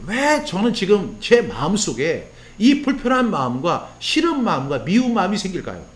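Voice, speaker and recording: This pastor's voice sits high as he preaches a sermon at a moderate pace. He asks his listeners questions and answers them, and he acts out quoted prayers and grumbling in a lively voice.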